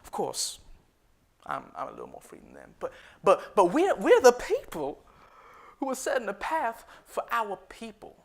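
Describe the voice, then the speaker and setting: A man's voice: rumbling low, wildly swooping pitch, brisk, creaky, long pauses, bright, forceful tone, breathy edge, heavily acted. A man playing a proud former slave turned barber entrepreneur, telling his story in a folksy first-person monologue with frequent chuckles. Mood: boastful. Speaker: historical reenactor.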